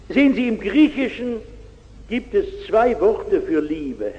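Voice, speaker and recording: A man preaches an evangelistic sermon in a high voice and a slow, deliberate pace. He bursts into loud emphatic lines and turns to the audience with asides. The sound is dull and echoes through a large hall.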